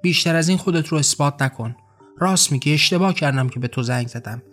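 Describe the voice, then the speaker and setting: A protective old woman in an audiobook story speaks up firmly and reproachfully, as a man reads her lines. The voice sits a touch high, with faint music in the background. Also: a bit bright, close to an everyday voice. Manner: firm, reproachful. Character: kind, protective old woman, firm when angered.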